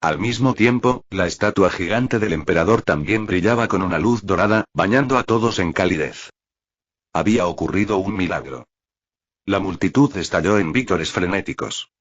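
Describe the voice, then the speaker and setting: Deep husky male audiobook narrator. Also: moderate pace. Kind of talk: scripted narration of a light novel. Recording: dull lo-fi recording.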